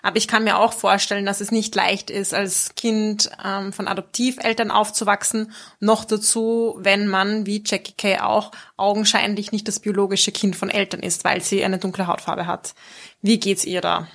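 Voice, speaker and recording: A woman hosting a book discussion, asking measured questions in an even tone. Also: mid-range voice. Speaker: host.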